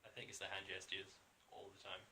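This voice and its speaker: A man's voice: deep voice, monotone, quick pace, sharp tone, a little hiss or hum, rough recording. A young Welsh man chatting casually in a relationship advice vlog, rambling with lots of fillers. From Wales. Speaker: vlogger.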